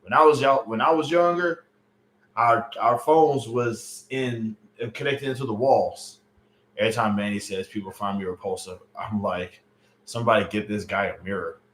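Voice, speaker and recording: A streamer in his late thirties chats loosely with his audience, joking about what they type and leaning on fillers. He speaks at normal speed in a fairly low, steady, slightly bright voice. There's slight background noise and a roomy echo from his home stream mic.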